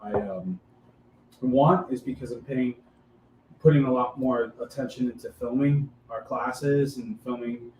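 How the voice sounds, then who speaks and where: A man's voice: medium pitch, fairly even intonation, measured pace, a little mellow, distant mic. A man co-hosting a casual podcast, talking in a loose, rambling and jokey way. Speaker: podcast co-host. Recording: echoey room with faint noise.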